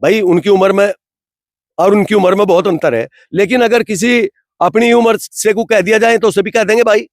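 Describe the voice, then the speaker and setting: A man's voice: high-pitched, normal speed, dry recording, clean studio sound. A man, giving an impassioned, indignant street interview full of rhetorical questions. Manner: rhetorical, indignant, repeats "bhai". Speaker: interviewee from the community.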